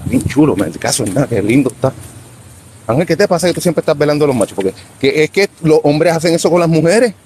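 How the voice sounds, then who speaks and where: A man in his fifties with a Puerto Rican accent, rambling casually on a live stream outdoors by a beach, talking to himself and halting when he tries English. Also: fairly high pitch, sing-song, a little mellow, slight background noise, low-quality recording. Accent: Puerto Rican Spanish. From Puerto Rico. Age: 50s.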